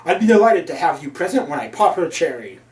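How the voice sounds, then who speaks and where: A man's voice: a little high, lively intonation, fast, voice pushed down, natural voice. A man voicing an earnest, eager young male superhero in a comic reading, recorded in a roomy space away from the mic. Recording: roomy, from a distance.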